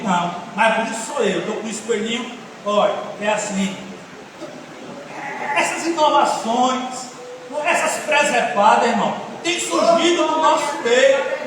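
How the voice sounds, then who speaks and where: A man with a very high voice preaching a sermon in a loose, joking, lively way. The sound is very echoey, with a long hall reverb and faint noise from a mic far off in a church. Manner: folksy, joking, animated preaching. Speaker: pastor.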